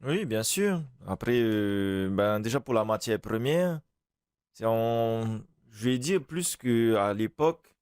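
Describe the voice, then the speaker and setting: A man's voice: fairly low pitch, animated, takes it slowly, darkish tone, smooth, no echo. A male craftsman guest in a studio interview, speaking hesitantly with many fillers.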